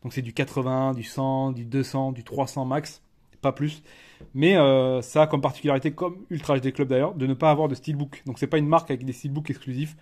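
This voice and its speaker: A man with a French accent giving a casual unboxing commentary as a collector, chatty and halting, with many fillers and restarts. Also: mid-range voice, steady tone, darkish tone. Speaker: collector reviewing a disc edition.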